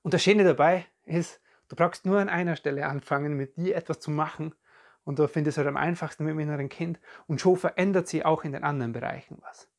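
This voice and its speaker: A podcast coach giving a calm, reflective self-help talk straight to the listener, often searching for words and repeating phrases. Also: mid-range voice, quick pace. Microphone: podcast and video recording.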